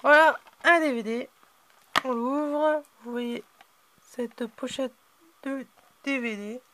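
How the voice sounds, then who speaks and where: A man hosting a casual unboxing video, hesitant and filling his pauses with "euh" and "voilà". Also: very high voice, sharp tone, a little hiss or hum.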